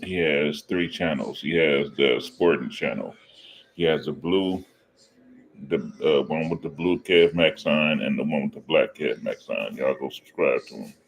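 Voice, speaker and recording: Very deep-voiced man hosting a reaction stream. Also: unhurried, vocal fry. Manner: casual, rambling, with fillers and self-corrections. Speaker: reaction channel host. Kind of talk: live reaction commentary.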